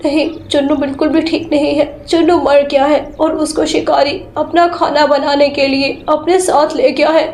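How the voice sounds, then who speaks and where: A woman voicing a kindly male pigeon who brings bad news in an earnest, hurried way, in a storybook tale. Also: sits high, level tone, darkish tone. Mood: urgent. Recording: roomy echo.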